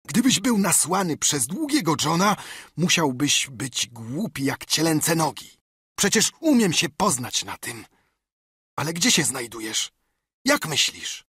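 A man's voice: a little high, unhurried, breathy edge, no room sound, clean studio sound, pitched above the performer's own voice, full character voice. A man voicing a half-mad marooned castaway who is eager, wheedling and keeps repeating himself. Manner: excitable, pleading, repeats himself.

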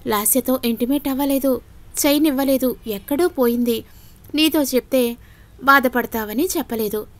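Woman playing a young son pleading his case, loud, insistent denials, fairly high voice, audio story. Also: normal speed, close to an everyday voice. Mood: protesting loudly.

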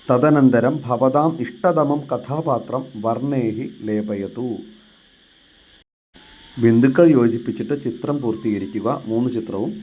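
A man teaching a textbook lesson. He reads Sanskrit lines slowly, explains them and asks rhetorical questions. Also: mid-range voice, mellow, slightly rough, highs cut off.

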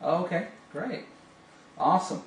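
Recorded by a camera a few steps away, with a roomy, distant, hissy sound, a middle-aged man speaks from a small home office indoors. He sells video phones and chats casually, gushing with enthusiasm as he demonstrates a product and talks on a call. His voice sits high and is animated, at a measured pace.

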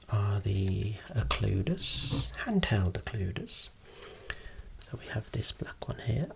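A voice whispering slowly and softly, showing eye-clinic equipment as an ASMR role-play optometrist. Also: medium pitch, gravelly, slight background noise. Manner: soft unvoiced whispering, explaining slowly.

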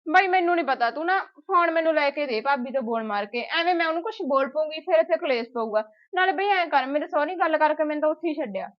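A woman's voice: sits high, animated, quick pace, hardly any pauses. A woman with a Punjabi accent playing a stubborn, argumentative young sister in a family drama. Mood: complaining. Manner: argumentative, insistent. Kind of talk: amateur short-film acting. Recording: dull lo-fi sound.

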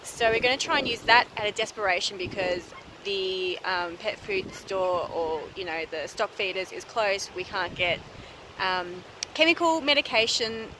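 A woman's voice: mid-range voice, normal speed. A woman in her thirties talking casually to a handheld camera about her farm, with lots of fillers and some frustration. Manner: chatty, filler-heavy, frustrated. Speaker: vlogger. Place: car, then outdoors on a rural property. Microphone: handheld camera at arm's length. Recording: noisy car and outdoor background.

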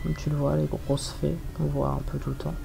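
Speaking briskly in a low, flat voice with vocal fry, a French-accented woman hosting a gaming channel gives rambling, filler-heavy play commentary while sniffling through a cold. Background noise and faint game music accompany the voice-over.

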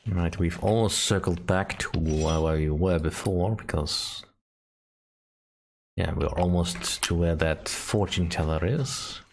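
A man's voice: low voice, slow, creaky. A man giving casual, matter-of-fact commentary as he plays a video game. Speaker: gamer, let's play host. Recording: faint background noise, clicks.

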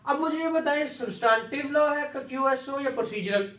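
A Pakistani-accented man in his thirties lectures on law in a very high, bright, forceful voice at normal speed. He repeats key terms, slips in English legal words, and regularly asks students if they're keeping up. The setting is a small indoor classroom with a whiteboard, captured by a distant mic amid echo.

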